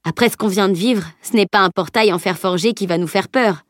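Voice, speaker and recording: A woman's voice: medium pitch, fairly quick, no room sound, clean studio sound, lightly acted. A woman reading an audiobook voices a teenage boy who grumbles and jokes to keep up courage. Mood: bold.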